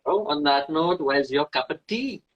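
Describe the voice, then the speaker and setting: A woman's voice: low voice, expressive, moderate pace, breathy edge. A woman hosting a casual chat, encouraging her guest with short affirmations. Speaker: host.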